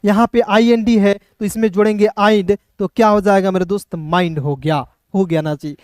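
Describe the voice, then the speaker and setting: A man's voice: high voice, fairly even intonation, clean tone, no room sound, clean studio sound. A man teaching English spelling in a Hindi phonics lesson, spelling words letter by letter and often asking his friends if they follow. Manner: repeats "doston" and checks understanding often; slow, spelled-out letter-by-letter explanation.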